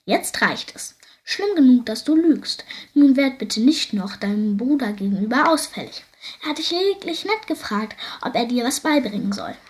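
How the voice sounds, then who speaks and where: A stern father who cuts in to scold his daughter, firm and reprimanding, as a woman reader voices him. It is read out loud from a children's storybook. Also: on the high side, big pitch swings, normal speed.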